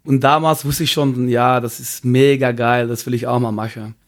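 A man's voice: mid-range voice, steady tone, moderate pace. A man from Belgium, a podcast guest speaking hesitantly and searching for words in a casual interview.

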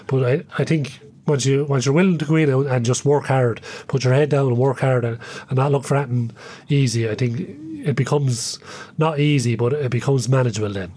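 Man, Irish accent, casual storytelling, colloquial, self-deprecating, husky edge, mid pitch. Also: fairly quick, mellow. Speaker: interview guest, former hurling player. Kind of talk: casual reminiscing in an interview.

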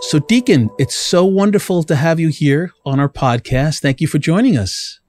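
A cheerful man hosting a faith podcast interview. His voice sits a little high for a man, and he talks in a loose, chatty way with easy laughs. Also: expressive, moderate pace, darkish tone, faint music behind. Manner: upbeat, chatty, laughs easily. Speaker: podcast host.

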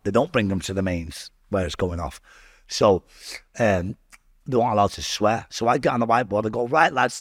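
Man, Manchester accent, casual storyteller, slangy and sweary, mid-pitched voice, dry close sound. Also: no room sound. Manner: slangy, sweary, often addressing the listener. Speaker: interview guest, rapper.

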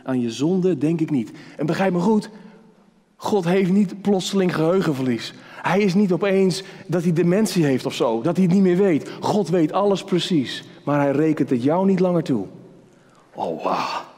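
A man preaching a sermon with passion, dropping to hushed whispers and rising to high, urgent calls. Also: moderate pace. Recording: long hall reverb.

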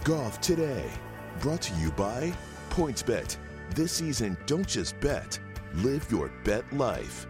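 A man's voice: mid-range voice, very animated, slow. A man reading a scripted promotional voice-over as a broadcast sponsor announcer. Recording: music bed under the announcement. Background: music.

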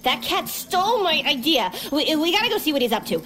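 A woman's voice: sits high, sing-song, a little fast, fairly bright tone. A woman voicing an eager, chatty pet dog who hosts a podcast, bouncy and easily distracted, in a children's audio comedy. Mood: frantic.

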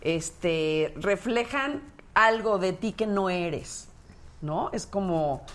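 A woman from Mexico, a talk-show guest talking in a self-assured, animated way. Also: medium pitch, drawn-out words. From Mexico (Zacatecas). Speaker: guest, TV host. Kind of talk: casual talk-show chat.

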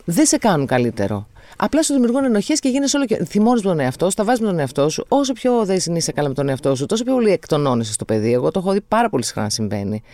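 Lively, reflective middle-aged woman. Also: on the low side. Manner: reflective, thinks aloud with hesitations. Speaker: guest. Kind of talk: casual conversation.

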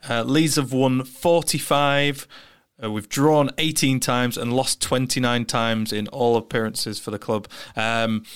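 A man in his thirties with a clean, smooth voice giving a casual football preview on a podcast. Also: medium pitch, a bit bright. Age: 30s. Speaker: podcast co-host.

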